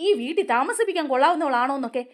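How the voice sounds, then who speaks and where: An angry young man from a TV serial hurls accusations in a high, sharply swinging voice, as a woman reads his part aloud. He stays heated and insistent, pressing every point. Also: expressive, racing.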